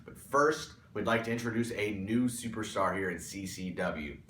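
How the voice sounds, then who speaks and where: A man hosting a wrestling show, introducing segments in an emphatic, measured presenter style. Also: fairly low pitch, animated, fairly bright tone, a little hiss or hum. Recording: echoey room.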